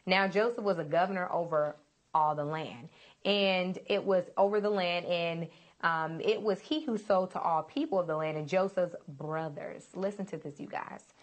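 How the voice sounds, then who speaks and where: A woman's voice: fairly low pitch, moderate pace. A woman giving a casual sermon, reading scripture aloud in an earnest, chatty way and often calling her listeners "you guys". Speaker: Bible teacher.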